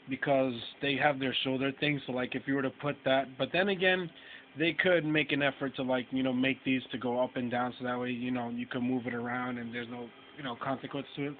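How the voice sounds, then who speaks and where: A man casually reviewing an action figure, rambling with lots of fillers and restarts. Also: medium pitch. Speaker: toy reviewer. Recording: tinny phone-like sound, faint noise.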